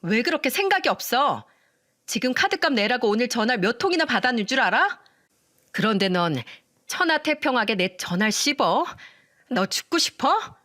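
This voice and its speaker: A woman's voice: a little high, very animated, moderate pace, fairly bright tone, no echo, clean studio sound. A woman voicing a rude, greedy young sister-in-law who screams insults and demands money, in a storytelling reading. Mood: screaming. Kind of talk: storytelling radio drama reading.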